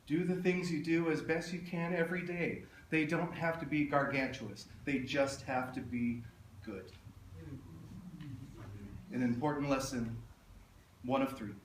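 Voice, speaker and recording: A man giving a funeral eulogy as a public speech, in a tender, measured, halting way with pauses. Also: medium pitch, fairly even intonation. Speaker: eulogist speaking at his mother's funeral. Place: echoey room, speaking to a gathering. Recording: roomy echo, distant mic, faint noise.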